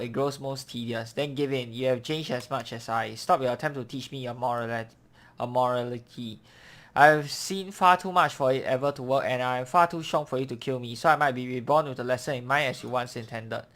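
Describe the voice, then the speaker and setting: Tired stern warrior guy read out by a man, measured and cold, middle pitch, game lines. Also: steady tone, a bit bright, close to an everyday voice. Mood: weary. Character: weary, cold-willed male fighter defying his father. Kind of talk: reading game dialogue aloud.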